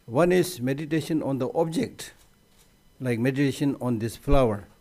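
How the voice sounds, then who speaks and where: Brief: male Buddhist teacher, mellow tone, chatty restarts, light humor. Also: mid-range voice, moderate pace. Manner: conversational, repeats words as he restarts. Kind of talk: conference teaching talk.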